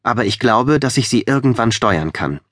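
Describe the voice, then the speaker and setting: A man's voice: medium pitch, animated, moderate pace, a bit bright, no room sound, clean studio sound. A man reading the part of a determined young man in an audiobook.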